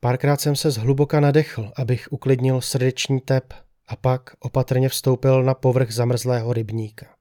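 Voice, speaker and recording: A man reading a first-person horror story as scripted narration, with a measured, steady storytelling delivery. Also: medium pitch, no room sound, clean studio sound.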